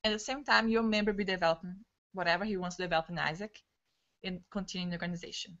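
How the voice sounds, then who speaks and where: A woman trainer leading an online team session, talking quickly and excitedly, restarting words, in non-native English over a video call. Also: lowish voice. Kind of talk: live online training talk. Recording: dull lo-fi video-call audio.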